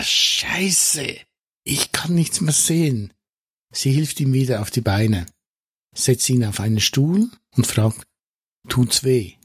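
A man in a relaxed casual chat, retelling scenes from a film. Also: medium pitch, husky. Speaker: podcast co-host.

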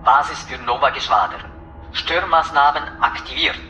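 A man's voice: medium pitch, animated, normal speed, pushed and bright, roomy sound, dull audio, voice pushed up. A man voicing a clipped military commander over a radio. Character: male military commander and pilots.

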